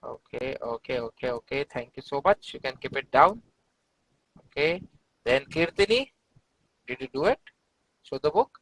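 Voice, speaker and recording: A man's voice: medium pitch, very animated, normal speed, vocal fry, pauses often, fairly bright tone, slight background noise, poor audio. A man with an Indian accent teaching an interactive class, encouraging students with short, repeated prompts and praise. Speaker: chemistry teacher.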